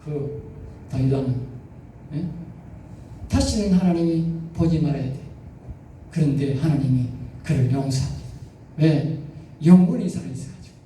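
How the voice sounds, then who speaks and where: High-voiced pastor with a Gyeongsang accent preaching. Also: male voice, normal speed, pauses often, dark tone, slight background noise. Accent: Gyeongsang Korean. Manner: emphatic, rising exclamations, rhetorical questions. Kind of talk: sermon. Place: church sanctuary. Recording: echoey church hall, mic at a distance.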